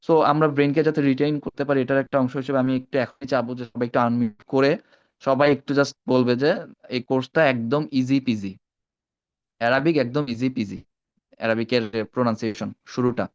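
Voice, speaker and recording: Over a video call, a man with a steady, medium-pitched voice teaches Arabic at a brisk pace. English words creep into his speech, and he checks often that everyone is following. The online audio is dull and lo-fi.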